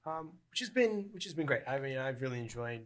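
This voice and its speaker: A man's voice: mid-range voice, expressive, a little fast. A man of twenty-one hosting a casual podcast chat, rambling with many fillers and restarts. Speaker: podcast host.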